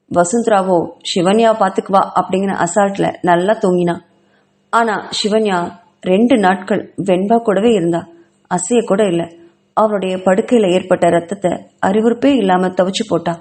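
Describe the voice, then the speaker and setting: A woman's voice: medium pitch, a little mellow. A woman from India, author and narrator, reading her romance audio novel in a colloquial, spoken storytelling style.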